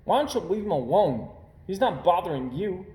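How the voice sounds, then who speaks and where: A man's voice: high-pitched, very animated, moderate pace, darkish tone. A man voicing a young boy bear cub for a children's storybook, earnest, loyal and direct. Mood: standing up. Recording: roomy, echoing home recording.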